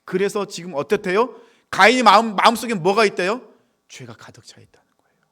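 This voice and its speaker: A man preaching a sermon to high school students, asking questions and answering them himself, sometimes dropping to a whisper. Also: fairly quick, bright, forceful tone. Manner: asks the audience questions and answers them, drops to a whisper on key points. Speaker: youth pastor.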